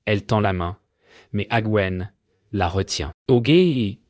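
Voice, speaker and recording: A man narrating a fairy tale in a solemn, measured way. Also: sits low, steady tone, dry recording, clean studio sound. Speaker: storyteller.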